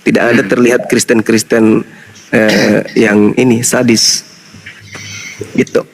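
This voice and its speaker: A man's voice: lowish voice, level tone, takes it slowly, creaky, slight background noise. A middle-aged man, delivering a heated, mocking rebuttal and scolding the people he addresses. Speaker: Islamic apologist speaker. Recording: long reverb hall.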